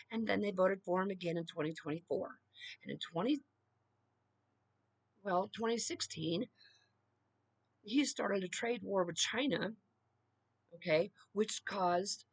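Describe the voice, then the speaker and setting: A woman's voice: medium pitch, no room sound. A middle-aged woman delivering an emphatic solo political rant, punctuating her points with "okay?" and "you know.". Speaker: political commentator.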